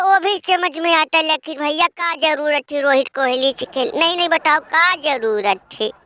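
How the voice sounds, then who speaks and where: A woman's voice: very high voice, sharp tone, exaggerated voice. A woman voicing a melodramatic rustic village friend who wails and laments, in a comic cartoon.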